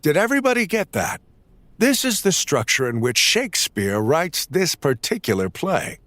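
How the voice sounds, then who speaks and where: A man's voice: fairly high pitch, very animated, fairly bright tone, no echo. A man voicing an eccentric English teacher who lectures with a dramatic classroom flair. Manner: slow, dramatic classroom delivery.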